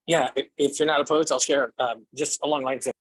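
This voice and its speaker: A man's voice: medium pitch, steady tone, a little fast, dry recording, low-quality recording. A man on a video call whose glitchy connection keeps cutting out, repeating himself to check that he can be heard. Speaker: real estate agent on a team video call. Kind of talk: casual video call chat.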